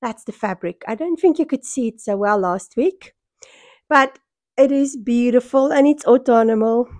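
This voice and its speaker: A middle-aged South African woman with a hoarse voice worn by a cold, chatting casually in a home vlog. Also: fairly high pitch, normal speed, a little mellow, dry recording. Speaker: sewing vlogger. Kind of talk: casual vlog chat to camera. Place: small furnished room at home, indoors. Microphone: small microphone held near the mouth.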